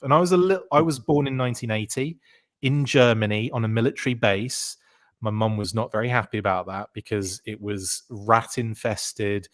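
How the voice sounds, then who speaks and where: A man's voice: mid-range voice, fairly bright tone. A man in his forties, a podcast guest, telling childhood stories in casual chat, full of fillers and restarts.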